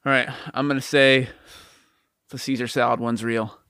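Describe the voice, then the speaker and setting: A man co-hosting a casual podcast, jokey and playful, thinking out loud. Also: medium pitch, little pitch movement, moderate pace, clear, resonant tone, dry recording, clean studio sound. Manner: jokey, playful, overthinks aloud. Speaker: podcast co-host.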